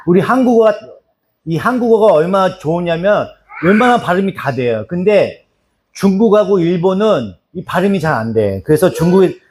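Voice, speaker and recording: Male pastor, small-church doctrine class, quizzes by name, animated pitch, dark mellow tone. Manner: repetitive, drills answers and calls on people by name. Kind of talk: church Bible lesson, quizzing listeners.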